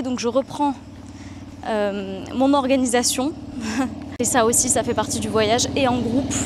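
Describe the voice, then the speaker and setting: A French travel vlogger in her twenties walks outdoors, talking candidly and reflectively in a casual, confiding vlog with many hesitations. Her voice is fairly high, with background noise around it.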